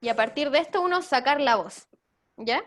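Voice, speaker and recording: A young Chilean woman presenting a theater workshop, explaining voice technique in a lively way and laughing easily. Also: high-pitched, normal speed. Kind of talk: online workshop talk.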